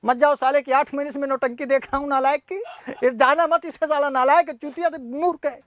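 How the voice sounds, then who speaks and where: Man putting on a scornful old mountain, abusive rant, very high voice. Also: steady tone, fairly quick, fairly bright tone.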